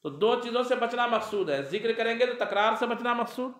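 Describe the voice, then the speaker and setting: A man teaching a grammar lesson in a classroom. He reads Arabic text aloud slowly and asks his students questions, often answering them himself. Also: very high-pitched, fairly bright tone, echoey room.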